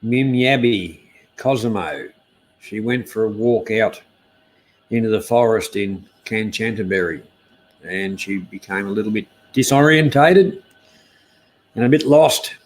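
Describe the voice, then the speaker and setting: A man's voice: lowish voice, measured pace, pauses often, low-quality recording. An Australian man hosting a casual live stream news chat, speaking in a laconic, hesitant, easygoing outback drawl.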